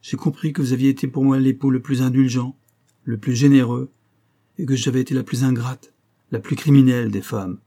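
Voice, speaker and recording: A man reading an audiobook and voicing a remorseful young wife, who speaks softly, humbly and imploringly. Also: medium pitch, steady tone, brisk, lightly acted. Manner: soft, imploring and contrite.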